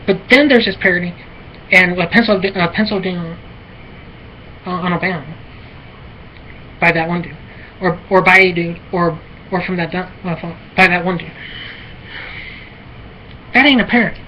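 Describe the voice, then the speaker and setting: An American woman talking alone in a halting, repetitive, rambling way, with many fillers and restarts. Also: lowish voice. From United States. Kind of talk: rambling solo monologue. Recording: muffled lo-fi with faint noise.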